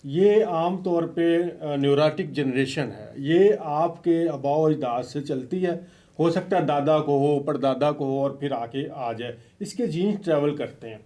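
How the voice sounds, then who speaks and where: Guy w a mellow higher voice, guest explaining health stuff, polite. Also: measured pace. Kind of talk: casual health talk.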